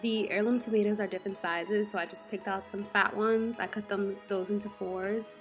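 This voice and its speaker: A woman in her twenties, chatty and relaxed, walking through a meal prep in her home kitchen. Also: mid-range voice, normal speed, soft background music. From United States. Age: 20s. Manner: chatty, relaxed, lots of fillers. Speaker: lifestyle vlogger. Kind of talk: casual how-to vlog.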